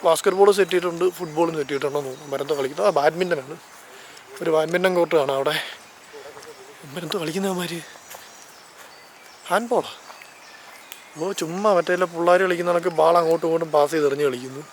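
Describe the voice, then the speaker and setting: A Malayali-accented travel vlogger holds his camera while walking a seaside town and park, narrating casually and with enthusiasm and often correcting himself. He talks fast, pausing often, in a voice on the high side, with a little hiss or hum.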